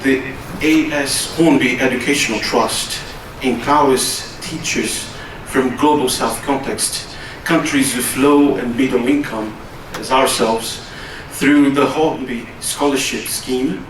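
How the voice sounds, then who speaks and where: Man, native Portuguese speaker, formal conference presentation, halting delivery, mid pitch, distant hall recording. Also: fairly even intonation, a little hiss or hum. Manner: measured, with frequent hesitations.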